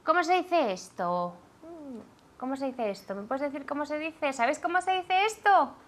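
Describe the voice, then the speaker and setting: A woman teaching a language lesson, drilling pronunciation clearly and checking in with her student often. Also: high voice, lively intonation, normal speed. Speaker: English teacher.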